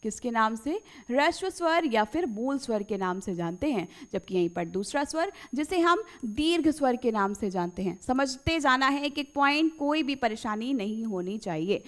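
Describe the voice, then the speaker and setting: A woman's voice: on the high side, animated, normal speed, few pauses. A woman teacher giving an exam-prep grammar lesson, repeating key phrases and quizzing her pupils, whom she fondly calls children.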